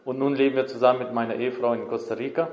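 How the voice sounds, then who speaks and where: Hesitant interpreter in an echoey church. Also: male voice, mid-range voice, steady tone, racing, a little mellow. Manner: hesitant, many fillers and self-corrections. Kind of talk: live sermon interpreting. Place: church hall.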